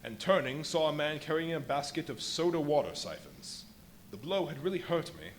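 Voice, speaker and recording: A man playing a feverish, boastful scientist turned invisible in a live radio play, telling his story in dramatic, literary phrases with emphatic pauses. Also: fairly high pitch, lively intonation. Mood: gloating. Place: live performance at a brewery venue. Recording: live stage performance with audible background noise.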